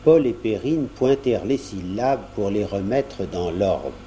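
A man reading a children's story aloud as narrator, in an expressive, lilting way. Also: lowish voice, a little slow, a little hiss or hum.

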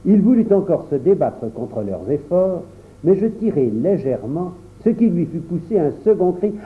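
A man reading a children's story aloud in an expressive storytelling manner, in a tinny phone-like recording. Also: sits high, a little hiss or hum. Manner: animated, unhurried storytelling. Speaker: storybook reader.

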